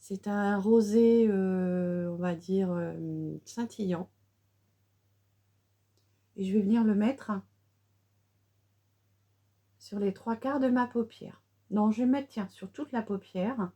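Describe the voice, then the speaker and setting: A woman's voice: medium pitch, takes it slowly, long pauses, mellow. A middle-aged woman chatting through a casual makeup tutorial, with many fillers and restarts. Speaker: beauty vlogger.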